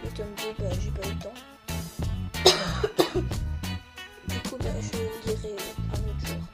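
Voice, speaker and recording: A teenage girl with a hoarse voice, chatting casually and rambling with many fillers as she shows her collection. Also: medium pitch, wildly swooping pitch, slow pace. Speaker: vlogger. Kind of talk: casual chat. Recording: loud background music.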